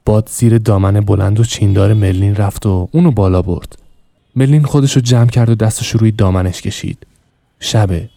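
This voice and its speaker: A man narrating a novel as a podcast host, reading in an even, measured way. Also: on the low side, vocal fry, no room sound.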